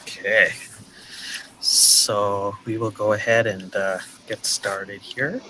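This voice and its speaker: Slow, bright-voiced teacher. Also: male voice, fairly low pitch, level tone, slight background noise, rough recording. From United States, Minnesota. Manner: patient, friendly, slow and clear for beginners. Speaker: online English teacher. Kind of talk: classroom teaching over video call. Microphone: video call headset or webcam mic.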